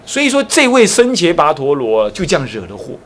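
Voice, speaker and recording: A Buddhist abbot with a Taiwanese Mandarin accent teaches a dharma lecture to a class in a slightly high, brisk voice. He tells his stories with animation, acting out the dialogue between characters.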